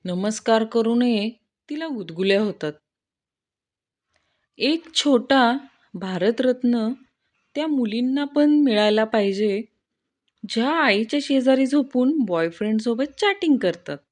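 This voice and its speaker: Slow-paced woman reading jokes. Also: fairly high pitch, expressive, a little mellow. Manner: storytelling delivery with small voice shifts for characters. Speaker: joke reader.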